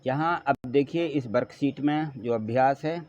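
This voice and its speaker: A male teacher patiently explaining workbook exercises, repeating and spelling out words slowly for students. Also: medium pitch, a little mellow, lo-fi sound.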